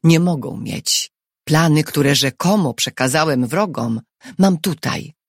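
A woman's voice: sits low, lively intonation, takes it slowly, slightly rough, no echo, clean studio sound, exaggerated voice. A woman reading an audiobook who voices a tense, resolute husband in short, urgent lines. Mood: tense, firm.

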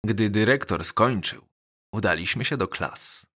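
A man narrating a novel as an audiobook, measured and even. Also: on the low side. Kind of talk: scripted narration.

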